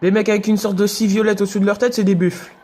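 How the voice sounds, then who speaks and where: A young man giving excitable let's play commentary, yelping and laughing at enemies. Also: high-pitched, very fast. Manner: excitable, shouts and yelps at enemies, laughs often. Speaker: gaming youtuber.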